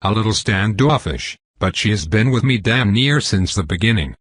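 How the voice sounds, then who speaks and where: A man voicing a weary, gruff older man who mutters in an audiobook. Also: lowish voice, expressive, moderate pace, dry recording, studio quality. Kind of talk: audiobook character voice.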